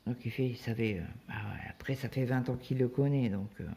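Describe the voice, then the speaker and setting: Gravelly-voiced chatty French woman. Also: a bass voice, brisk, mellow, slight background noise. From France. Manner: rambling, chatty storytelling with many fillers. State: recovering from a stomach bug. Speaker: cross-stitch vlogger. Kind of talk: casual chat.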